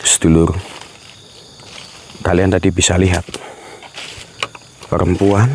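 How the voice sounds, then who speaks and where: A man, vlogging outdoors at night in the woods, speaking slowly to viewers, often dropping to a whisper and repeating himself. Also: deep voice, little pitch movement, a little mellow, a little hiss or hum. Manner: slow, often drops to a whisper, repeats phrases. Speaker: ghost-hunting vlogger. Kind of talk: hushed night vlog to viewers.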